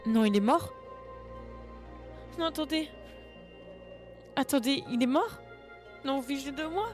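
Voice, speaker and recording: A high-voiced woman with a French accent reacts to a game on a live stream, tearful and emotional. She exclaims and repeats herself over and over. Soft game music plays faintly behind her. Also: unhurried.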